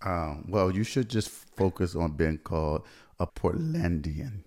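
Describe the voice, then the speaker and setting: A young man with a very deep, low-pitched voice hosts a relaxed podcast conversation. He talks in a chatty, easygoing way and laughs often. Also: unhurried. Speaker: podcast host. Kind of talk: casual chat.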